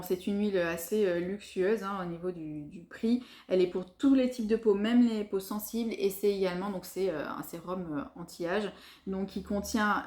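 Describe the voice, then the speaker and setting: A woman's voice: mid-range voice, warm tone. Chatty woman in echoey room. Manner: chatty, many hesitations, enthusiastic about products. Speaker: beauty vlogger. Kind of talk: casual product review.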